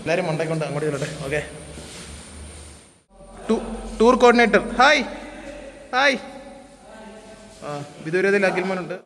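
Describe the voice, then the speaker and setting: A young man vlogs a road trip with his friends beside a bus, teasing them and introducing each one to his handheld camera amid busy group chatter. His high voice is sharp-toned with lively intonation, a moderate pace and long pauses.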